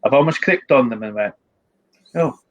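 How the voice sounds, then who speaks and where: A man's voice: medium pitch, a little slow, a bit bright, lo-fi sound. Man with a strong Scottish accent. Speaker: IT support director, guest. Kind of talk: informal explanatory talk with tips.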